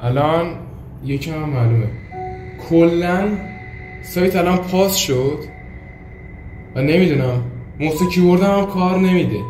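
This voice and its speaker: A man's voice: a little high, pauses often, darkish tone. A man with an Iranian Persian accent giving informal, off-the-cuff commentary as host of a casual reaction vlog. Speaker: video creator hosting a screen exploration. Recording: echoey room, music behind.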